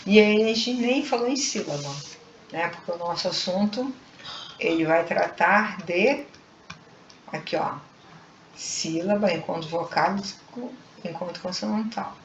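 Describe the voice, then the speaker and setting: Slow-speaking woman teacher, echoey. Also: lowish voice, a little hiss or hum. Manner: patient, explaining slowly with frequent tag questions. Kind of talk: recorded online grammar lesson. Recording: echoey room, dull lo-fi sound.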